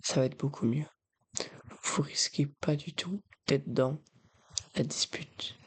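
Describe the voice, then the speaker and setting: Man, slightly high pitch, breathy, soft-spoken ASMR, addressing the listener directly. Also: measured pace. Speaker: ASMR video creator.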